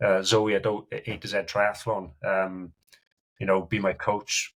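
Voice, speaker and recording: A middle-aged man with a Welsh accent, a guest endurance athlete, tells his story on a casual podcast in loose, chatty talk full of "you know"s. His voice is on the low side and creaky, with a flat, unhurried delivery.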